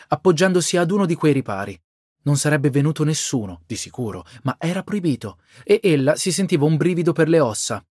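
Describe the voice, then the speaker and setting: A man giving a steady, scripted audiobook narration. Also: on the high side, no echo, studio quality.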